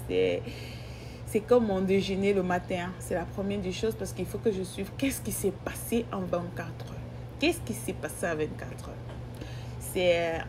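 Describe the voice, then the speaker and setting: A woman from Equatorial Guinea, a mother chatting in a rambling way to her viewers in a casual home vlog. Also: medium pitch. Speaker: vlogger and mother. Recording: noisy home recording.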